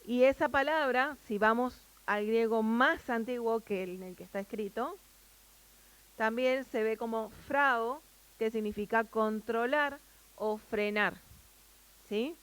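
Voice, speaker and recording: A woman's voice: on the high side, a little slow. A woman with a Rioplatense Spanish accent gives a Bible teaching at a women's meeting, explaining word by word and asking her listeners questions. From Argentina.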